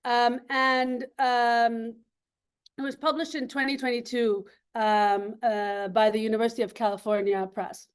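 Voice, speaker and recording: A woman's voice: on the high side, little pitch movement, unhurried, smooth. A woman from Lebanon giving an academic seminar talk over a video call, thoughtful and full of ums and restarts.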